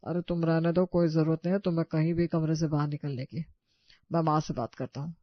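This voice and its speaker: A woman voicing a doting young husband who reassures his wife slowly in a cartoon. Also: low-pitched, steady tone, no echo, muffled recording. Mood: indulgent.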